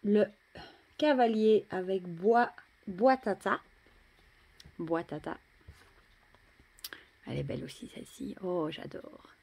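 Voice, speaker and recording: A French woman casually showing and admiring tarot cards, chatty, often dropping to a soft murmur. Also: mid-range voice, expressive, normal speed, creaky. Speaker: tarot deck reviewer. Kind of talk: casual show-and-tell.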